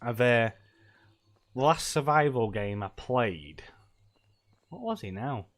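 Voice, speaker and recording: Live-streaming a game, a middle-aged man with a cold-stuffed voice chats and rambles, laughing and saying "um" a lot. His mid-range voice is animated, and his pace is slow.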